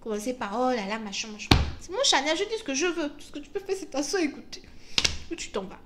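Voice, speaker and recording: A young woman giving a casual tarot reading, telling stories in an animated way, laughing often and mixing in English words. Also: high-pitched, quick pace, background noise. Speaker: tarot reader.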